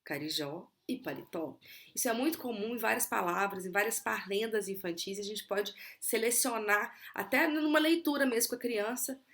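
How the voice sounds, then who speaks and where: In an explanatory video lesson, a Brazilian Portuguese woman clearly explains auditory attention exercises for children, slowing down to model words like a teacher. Her voice is medium-pitched with a fairly bright tone.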